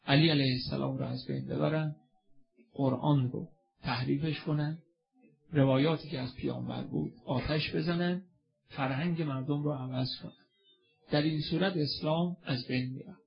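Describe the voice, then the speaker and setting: A man's voice: a little high, steady tone, vocal fry, highs cut off, faint music behind. A man preaching a religious sermon with a passionate delivery, asking the audience questions and answering them himself. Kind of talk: religious sermon and mourning recitation.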